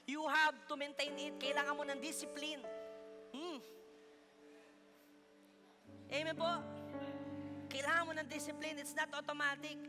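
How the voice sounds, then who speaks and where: A Filipino pastor preaches in a high, ringing voice, joking with his congregation between points. Music plays clearly beneath his sermon in a church hall. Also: a little slow, pauses often. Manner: lively preaching with playful asides to the congregation.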